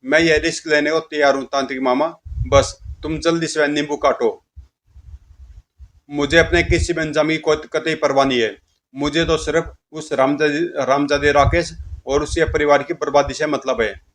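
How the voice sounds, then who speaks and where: A man's voice: a little high, fairly even intonation, moderate pace, fairly bright tone, lightly acted, poor audio. A man voicing a vengeful young woman who speaks in a bitter, determined way in a horror storybook tale.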